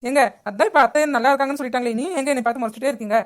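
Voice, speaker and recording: A woman's voice: sits high, steady tone, very fast. A woman voicing the mother and the college-age granddaughter in a cartoon, chatty and pleading. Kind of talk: cartoon voice acting.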